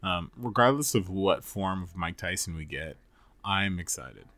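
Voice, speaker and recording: A low-pitched man chats casually on a podcast, pausing often and filling gaps with ums. The sound is dry and close. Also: no room sound. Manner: relaxed, hesitant, lots of fillers. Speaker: podcast co-host.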